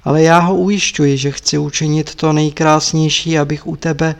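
A man's voice: a little high, little pitch movement, creaky. A man voicing a kindly older woman, the master's wife, who pleads and laments. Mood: pleading.

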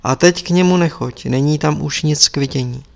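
Man reading a stern old lama teacher, grave and instructive, slightly higher voice, storybook reading. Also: vocal fry. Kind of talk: audiobook character reading.

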